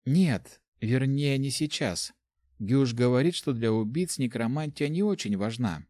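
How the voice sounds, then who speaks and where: Soft young heroine of a fantasy audiobook, calm and explaining, as a male narrator reads her in a slightly raised voice. Dry, close sound. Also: mid-range voice, measured pace, dry recording, lightly acted. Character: young woman, gentle apprentice assassin.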